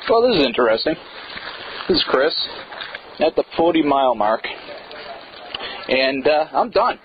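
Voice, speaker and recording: A man's voice: fairly high pitch, sing-song, unhurried. A man who races mountain bikes gives a blunt, wry report, swearing casually, and his voice is played back through a speaker and re-recorded. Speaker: mountain bike racer phoning in a report. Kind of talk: casual spoken field report. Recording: dull lo-fi sound with faint hiss.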